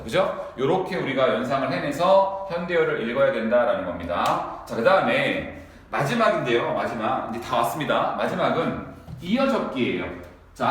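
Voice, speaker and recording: A man teaching a lecture to students, who keeps asking them quick rhetorical questions. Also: on the high side, a bit bright. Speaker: Korean language teacher. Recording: very echoey room.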